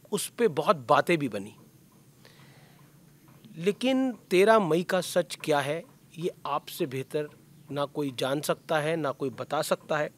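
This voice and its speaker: A male host conducting a formal interview, asking measured, probing questions. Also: a little high.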